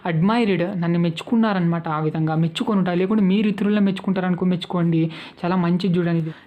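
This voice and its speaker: A woman's voice: on the low side, steady tone, quick pace, phone-quality sound. A woman with a Telugu accent teaching spoken English, patiently repeating each verb form and checking that her students follow.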